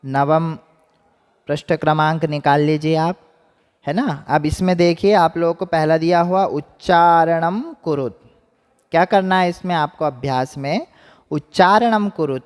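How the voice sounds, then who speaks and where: Slow-drilling man teacher, echoey room. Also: on the high side, a little mellow, smooth. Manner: slow, drawn-out pronunciation drills with frequent "है ना?" checks. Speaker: Sanskrit teacher. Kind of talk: online class lesson.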